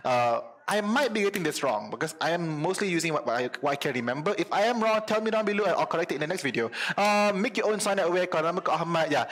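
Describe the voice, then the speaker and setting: Young male host, Malaysian English accent, casual explainer, slightly higher voice, chatty and animated. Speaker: host answering viewer questions.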